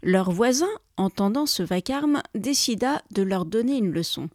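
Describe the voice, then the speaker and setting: A woman host reading a folk tale aloud and then reflecting on it, in a calm, measured voice. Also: mid-range voice, dry recording, studio quality. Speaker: storyteller and podcast host. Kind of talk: storytelling and reflective commentary.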